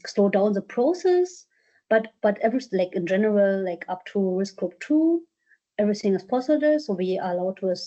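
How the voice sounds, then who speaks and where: At a workshop, a woman presenter from a culture collection answers audience questions in a mellow, mid-range voice. She sounds hesitant, with many fillers and restarts, and the conference audio is dull and lo-fi.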